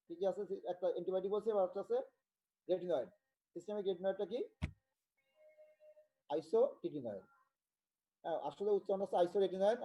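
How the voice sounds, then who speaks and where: A man from Bangladesh teaches an online medical tutorial in a high, very dark and mellow voice. He talks haltingly, restarting and repeating terms and often checking that students follow. The audio is dull and lo-fi. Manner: halting, repetitive, with many restarts and check-ins. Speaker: medical lecturer.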